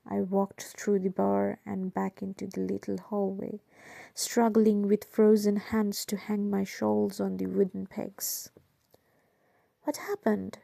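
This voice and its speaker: A woman reading a novel aloud in the first person, with measured, steady storytelling into a close mic. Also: mid-range voice, vocal fry, dry recording. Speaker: audiobook reader.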